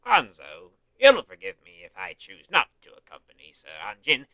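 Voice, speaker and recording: A man's voice: lowish voice, wildly swooping pitch, moderate pace, bright, forceful tone, no room sound, exaggerated voice, low-quality recording. A man doing a put-on voice of a senile old male lord while reading game subtitles aloud in a mock-solemn way.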